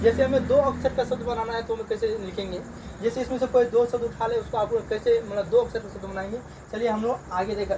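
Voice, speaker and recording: A man, a teacher slowly drilling beginners through letters and sounds in a reading lesson, repeating each one. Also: high voice. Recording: distant mic, loud crickets and traffic.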